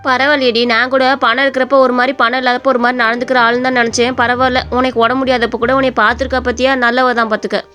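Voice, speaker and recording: A woman's voice: high-pitched, flat delivery, fast talker, few pauses, bright, forceful tone, soft background music. A woman voicing a friendly, chatty neighbour woman. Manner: familiar and chatty.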